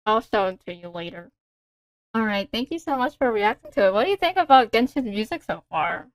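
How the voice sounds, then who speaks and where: An eager woman hosts a casual reaction chat with a voice of middling pitch. She talks through game lore in detail and keeps her guest talking with questions. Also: big pitch swings, a little fast, dry recording. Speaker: VTuber host.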